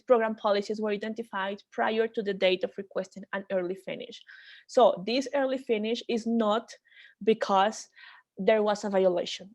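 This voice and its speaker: A woman's voice: on the high side, darkish tone. A woman leading an online training call, explaining rules step by step with frequent restarts.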